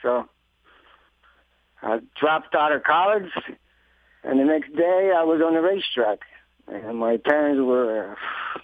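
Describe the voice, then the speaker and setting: A middle-aged man from Greece with a Greek accent, a guest speaking in a relaxed, wry way with many fillers. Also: fairly high pitch, slow pace, long pauses, no echo. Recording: tinny phone line.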